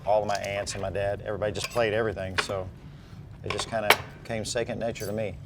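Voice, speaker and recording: A man who plays bass in a band, casually telling stories over lunch. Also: level tone, quick pace, heavy background noise. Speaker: bass player, band member. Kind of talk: casual storytelling. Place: restaurant.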